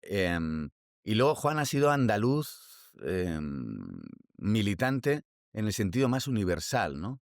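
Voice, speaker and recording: A man's voice: lowish voice, very animated, slow pace, dry recording, studio quality. A man speaking reflectively in a documentary interview, searching for words with emphatic asides.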